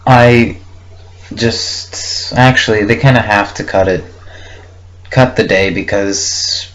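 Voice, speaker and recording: With a fairly low, slightly bright voice and a steady tone, a young man speaks at a slow pace in a casual audio log. His unscripted monologue rambles in short fragments as he reflects hesitantly aloud. The recording is muffled and lo-fi, faintly noisy.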